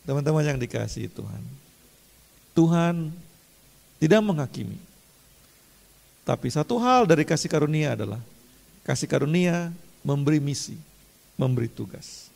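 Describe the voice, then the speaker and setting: A man preaching a sermon with a gravelly, somewhat high voice. He talks casually to the congregation, slips into English phrases, and climbs into loud, emphatic runs. The sound rings with a long hall reverb. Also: animated, unhurried, pauses often. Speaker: pastor.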